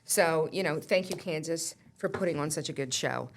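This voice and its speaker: A woman's voice: sits low, normal speed. A middle-aged woman hosting a casual podcast chat, talking with enthusiasm and plenty of fillers. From Greek-American from the Jersey Shore area. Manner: chatty, enthusiastic, many fillers. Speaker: host.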